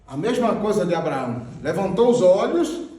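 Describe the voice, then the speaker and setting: A high-pitched Brazilian Portuguese man preaching with emphatic repetition, pointing things out as he teaches. His voice is caught from a distance and rings around a very echoey hall. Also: big pitch swings, moderate pace, dark tone, slight background noise. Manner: emphatic, repeats phrases, points at a drawn diagram. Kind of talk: sermon teaching with Bible readings. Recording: very echoey, far from the mic.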